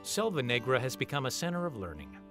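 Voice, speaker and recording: A man's voice: mid-range voice, sing-song, fast talker. A man reading scripted documentary narration as the narrator. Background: guitar music.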